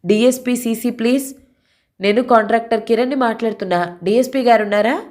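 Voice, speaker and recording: Brief: woman doing an eager young male contractor, pitched a bit higher, quick questions. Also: darkish tone, lightly acted. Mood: curious. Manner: eager questioning, English words mixed in. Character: male contractor, young adult, brisk and inquisitive.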